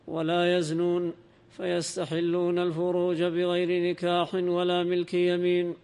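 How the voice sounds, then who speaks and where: Man reading old text out loud, smooth clear voice, kinda high, long hall echo. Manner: measured, even recitation. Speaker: reader of the text in a lesson. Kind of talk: reading a classical commentary aloud.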